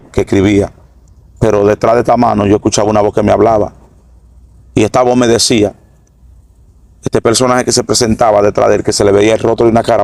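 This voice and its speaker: A middle-aged man recounts his religious testimony in an earnest, halting way, circling back over his own phrases. His voice sits low and gravelly. The sound is dry and close. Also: darkish tone, dry recording. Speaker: former drug trafficker giving testimony.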